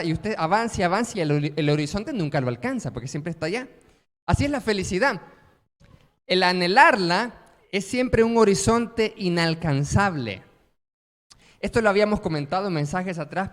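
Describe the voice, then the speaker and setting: High-voiced preacher in a reverberant hall. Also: male voice, fairly bright tone. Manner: storytelling with quoted voices, rhetorical questions. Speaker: pastor. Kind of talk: sermon. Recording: long reverb of a church hall.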